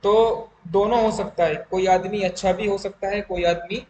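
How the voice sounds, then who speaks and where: A male English teacher, running an online class and slowly explaining grammar with examples. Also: sits high, steady tone, a little mellow. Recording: echoey room with faint noise.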